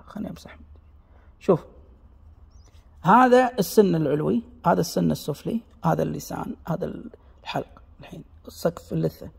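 A high-pitched man with a Gulf Arabic accent teaches a dialect lesson, drawing out sounds one at a time to show how they are made. His voice is gravelly, and a long reverb hangs on his words. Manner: demonstrates sounds by repeating them slowly; sketches a diagram while explaining. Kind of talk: explanatory lesson.

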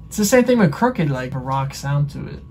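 A man hosting a reaction channel, casually explaining song lyrics in a relaxed way full of fillers. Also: fairly high pitch, brisk, a little hiss or hum. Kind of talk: casual music reaction commentary.

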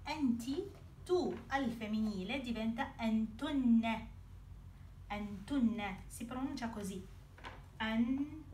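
Slow, patient woman teaching a language. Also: on the high side, animated, dark tone, distant mic. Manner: repeats each word slowly, spells out sounds. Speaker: Arabic teacher. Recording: roomy, off-mic, faint hiss.

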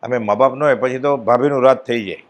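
A man giving a devotional discourse at a spiritual gathering, telling stories and acting out the dialogue with sudden rises and drops in his voice. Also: brisk. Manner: animated storytelling, acts out dialogue with swings in pitch and loudness. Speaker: spiritual speaker at a satsang.

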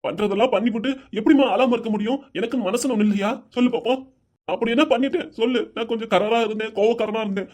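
Cartoon father, middle-aged and hot-tempered, southern Tamil accent, voiced by one performer; rapid delivery. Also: medium pitch, natural voice. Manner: scolding, shouting, then weeping.

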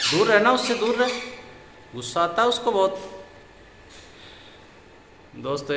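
Guy at home baby-talking his parrots, bright clear voice, sing-song and coaxing, bit of hiss, echoey. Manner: coaxing sing-song baby talk to the birds, rising pitch. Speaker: pet owner filming his parrots. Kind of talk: casual home vlog, talking to pet parrots. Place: inside a home.

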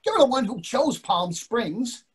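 In a readers theatre comedy performed over a video call from an indoor room, an older man plays an impatient, grumbling husband craving beer and food, blunt and exasperated. He uses a full character voice at an extremely high pitch, very animated and unhurried, with a breathy edge, recorded through the video call microphone.

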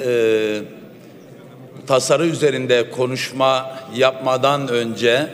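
A man addressing parliament from the rostrum microphone. He delivers a formal speech in a measured, oratorical manner with pointed appeals. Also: mid-range voice. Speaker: member of parliament. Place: at the speaker's rostrum microphone in a large assembly hall. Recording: long reverb of a large hall.

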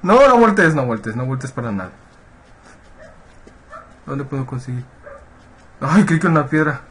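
A man's voice: medium pitch, animated, moderate pace, a bit bright. A man with a Mexican accent commentating a horror game at his computer, jittery and swearing, yelping when startled. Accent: Mexican Spanish. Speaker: gaming video creator. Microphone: webcam and computer mic.

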